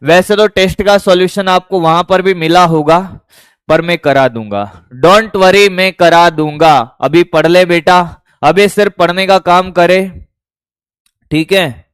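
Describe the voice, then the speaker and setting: A man's voice: high-pitched, measured pace, fairly bright tone, clean tone, no room sound. A man teaching physics to a class, often calling students "beta" and firing repeated check questions at them. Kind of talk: classroom lecture.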